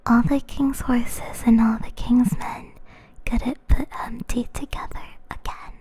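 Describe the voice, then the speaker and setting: A young woman doing whispered ASMR storytime, chatting softly and giggling between remarks. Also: fairly high pitch, steady tone, slow pace, breathy edge. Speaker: ASMR creator.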